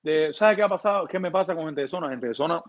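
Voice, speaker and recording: A fairly high-voiced man talks casually as a music producer in an interview. He rambles, repeating words and restarting often. The recording sounds dull and lo-fi. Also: fast talker.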